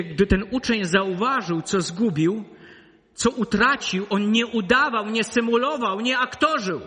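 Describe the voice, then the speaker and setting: A man preaching a sermon to his congregation, swinging between loud emphatic peaks and low, close asides. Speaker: pastor. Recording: long hall reverb.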